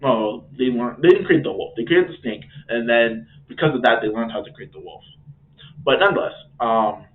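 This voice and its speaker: A man's voice: medium pitch, fairly quick. A man reviewing a video game in a casual, rambling way. He uses slang and stops often to correct himself. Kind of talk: casual spoken game recap. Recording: tinny phone-like sound.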